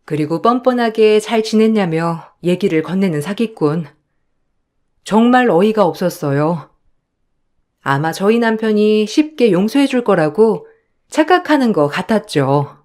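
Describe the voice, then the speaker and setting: A woman's voice: mid-range voice, a little slow. Woman narrating a story steadily. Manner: steady, indignant retelling. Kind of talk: first-person storytelling narration.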